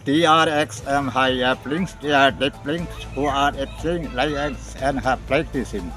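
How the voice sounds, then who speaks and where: A man with a Bangladeshi accent playing a parody news anchor, a bumbling English-language newsreader who delivers halting gibberish. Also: mid-range voice, music in the background.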